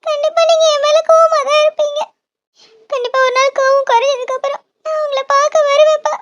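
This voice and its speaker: A woman voicing a very high-pitched remorseful girl. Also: fairly even intonation, quick pace, fairly bright tone. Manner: emotional, apologetic. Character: young female college student, tearful and devoted daughter. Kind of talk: cartoon dialogue.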